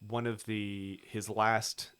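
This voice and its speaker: A man co-hosts a film podcast and recaps the plot in loose, casual chat. His voice sits somewhat low, and he swears freely as he goes. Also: flat delivery, takes it slowly, fairly bright tone, smooth. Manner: swears freely, acts out movie lines. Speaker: podcast co-host.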